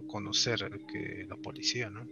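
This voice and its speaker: A man's voice: lowish voice, steady tone, moderate pace. A man co-hosting a film chat, reflective, adding comments and tag questions. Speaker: podcast co-host. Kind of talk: casual chat. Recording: dull lo-fi recording with loud music behind.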